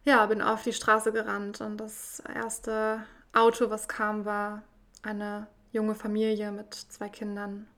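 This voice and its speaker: A woman recounts a personal story in a reflective, unhurried monologue. Her pitch stays narrow and even, with little rise or fall. She pauses often between phrases. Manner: reflective, measured, with frequent pauses.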